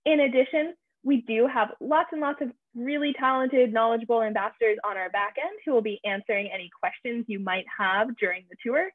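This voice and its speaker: Over thin, phone-like video call sound, a young tour host briskly delivers a scripted welcome to a virtual campus tour. She sounds fairly high-pitched, upbeat and emphatic, and the recording itself is dry.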